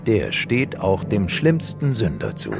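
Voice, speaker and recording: A man voicing a sinister, mocking male devil in a radio play, speaking slowly in a gravelly, whispery voice. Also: sits low, wildly swooping pitch, heavily acted. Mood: menacing. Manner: slow, teasing, then pleading. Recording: music behind voice.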